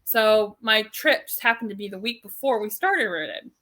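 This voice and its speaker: A woman's voice: mid-range voice, animated, normal speed, sharp tone. A middle-aged woman from California, co-hosting a casual faith podcast and telling a long personal story with many fillers and restarts. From Southern California. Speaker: podcast co-host.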